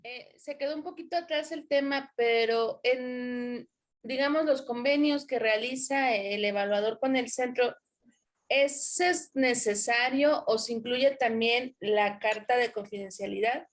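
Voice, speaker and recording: A woman with a high voice asks a question softly and tentatively. She is a participant in an online meeting. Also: unhurried.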